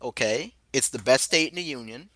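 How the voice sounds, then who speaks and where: Maryland guy on a podcast, acting all offended, swears a ton, bright voice, pitch jumps around. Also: expressive, normal speed, no room sound. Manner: mock-offended, defensive, swears a lot. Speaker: podcast co-host. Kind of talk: casual banter.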